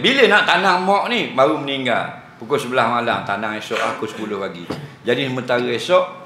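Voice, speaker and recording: A teacher with a Terengganu Malay accent gives an evening religious lecture in a village prayer hall, joking, teasing his audience, and laughing often. His medium-pitched voice sounds pushed and bright, recorded in an echoey hall with faint ambience and slight background noise.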